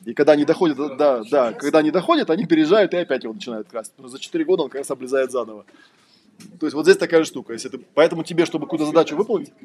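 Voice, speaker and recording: A trainer and lecturer whose first language is Russian gives an informal, conversational lecture, rambling through anecdotes with a wry manner. His slightly high, darkish voice races along.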